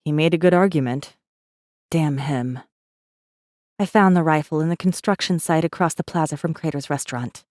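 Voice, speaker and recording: A woman with a low, darkish voice at a moderate pace, recorded in studio quality with no room sound and close to how she'd normally speak. She's an actress voicing a guarded, wry rebel messenger who narrates her own tale for a space fantasy audiobook in an intimate, wary, sardonic first-person style, her mood brooding and guarded.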